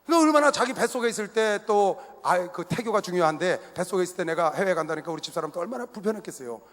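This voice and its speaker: Speaking fast in a high voice, a middle-aged male pastor recounts a personal story in his sermon, acting out his family's dialogue with lots of animation and laughing at his own expense. The sermon is in a large indoor arena used for worship, recorded with noticeable hall echo.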